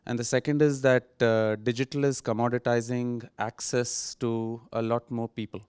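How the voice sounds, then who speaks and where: Casting note: man, articulate co-author, very crisp resonant voice, dry close sound. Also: mid-range voice, little pitch movement, moderate pace, darkish tone, no room sound. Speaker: book co-author. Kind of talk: self-introduction at book launch. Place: seminar room. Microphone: handheld mic.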